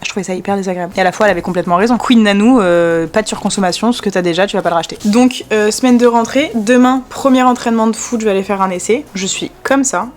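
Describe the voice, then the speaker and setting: Fast-talking chatty young woman vlogger. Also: medium pitch. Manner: chatty, rambling. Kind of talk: casual vlog chat.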